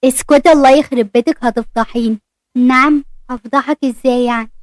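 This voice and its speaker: Egyptian woman doing a smug young man, quick high delivery. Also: fairly even intonation, dry recording, natural voice. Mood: mocking. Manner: brusque, mocking.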